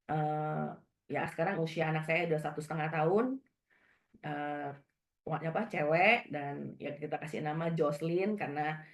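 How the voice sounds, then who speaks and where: A woman in her forties giving a personal testimony in church, telling her story with lively storytelling that acts out the dialogue. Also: sits low.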